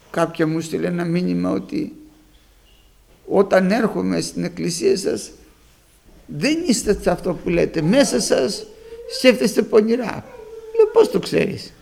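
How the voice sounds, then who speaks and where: A man preaching a sermon, emphatic, rising to high loud peaks as he addresses the congregation. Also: creaky.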